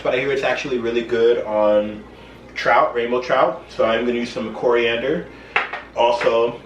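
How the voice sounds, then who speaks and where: A man with a mid-pitched voice chats to the camera as a tipsy home cook. His talk is loose and rambling, often losing its thread. The room is echoey, and music plays clearly behind him. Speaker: home cooking show host. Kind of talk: casual chat to camera while cooking. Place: home kitchen. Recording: roomy echo, distant mic, music behind.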